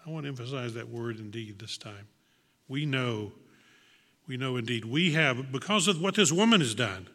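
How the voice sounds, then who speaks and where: Bright-voiced man preaching in a reverberant hall. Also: medium pitch, lively intonation, normal speed. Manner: earnest, reflective, with small restarts and emphatic repetition. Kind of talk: sermon.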